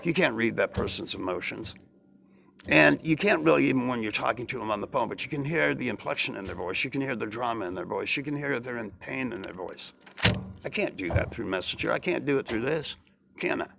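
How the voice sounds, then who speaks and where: Guy with a low gravelly voice rambling on, lots of rhetorical questions, bit of faint hiss behind. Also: lively intonation, fairly quick. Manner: rambling, repeats words and phrases, asks rhetorical questions. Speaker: vlogger. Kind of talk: casual monologue to camera.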